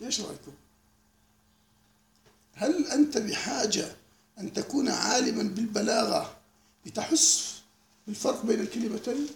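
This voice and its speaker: A man's voice: very high voice, moderate pace, creaky, long pauses, echoey room, slight background noise. A man teaching a classical text, lecturing with rhetorical questions and laughing asides. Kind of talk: spontaneous lecture commentary.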